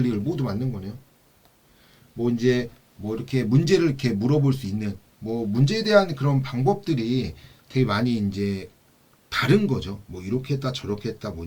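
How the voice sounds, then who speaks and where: A man teaches an exam-prep class at a middle pitch, keeping a lecturing tone. He asks rhetorical questions and repeats each key term, often dropping to a quieter, lower voice to stress it. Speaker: social work exam instructor.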